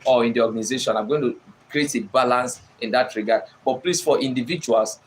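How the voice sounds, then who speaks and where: A man's voice: mid-range voice, a little fast, slight background noise. A man giving a motivational talk on leadership, repeating his points with emphasis and asking listeners if they follow. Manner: repetitive, emphatic, addresses listeners directly. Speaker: speaker teaching on leadership. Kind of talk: motivational teaching monologue.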